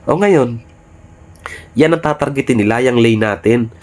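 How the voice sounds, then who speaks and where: A man's voice: medium pitch, measured pace, darkish tone. A young man streaming a mobile game, bossing his teammates, swearing and trash-talking opponents in brash, repetitive calls. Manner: repetitive calls, tag word after most phrases; cocky, mocking laughs. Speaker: gaming streamer. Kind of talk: live mobile game commentary.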